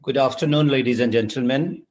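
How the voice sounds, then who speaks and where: A man's voice: mid-range voice, a little fast, darkish tone. A middle-aged man from Assam gives a formal university lecture as a surgeon, hesitant, with many filler sounds and restarts, captured in a screen recording of an online session. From Assam, India. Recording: dull lo-fi online call audio.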